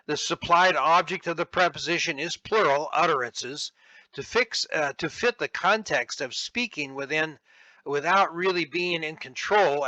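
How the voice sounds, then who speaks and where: A man teaching a Bible lesson over slides, walking through a sentence diagram deliberately and often restarting his phrases. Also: on the high side, bright, forceful tone, no echo, low-quality recording. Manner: deliberate, with frequent restarts and fillers.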